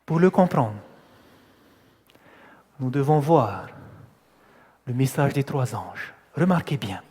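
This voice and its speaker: A man's voice: on the high side, a little mellow, in a large hall. A man preaching a sermon, putting questions to his listeners and stressing key words as he answers them. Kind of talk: sermon teaching.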